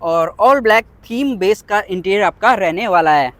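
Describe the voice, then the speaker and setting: A man walking around parked cars outdoors, listing their features one by one in a brisk review. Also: high voice, lively intonation, fairly bright tone, slight background noise. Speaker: car reviewer. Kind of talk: car walkaround review.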